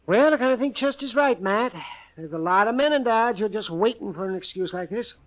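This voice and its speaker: Crusty, high-pitched old frontier doctor. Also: male voice, expressive, brisk, low-quality recording. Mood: skeptical, testy. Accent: American. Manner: querulous, grumbling, folksy. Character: crusty, grumbling older male frontier town doctor. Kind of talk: old-time radio western acting.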